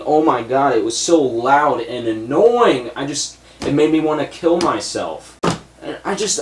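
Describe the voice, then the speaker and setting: Seated at a desk in a small, shelf-filled room, a young man delivers a blunt, exasperated, profanity-laced movie review. His voice is mid-range and reverberant, with a little hiss or hum in the audio. He's a young adult.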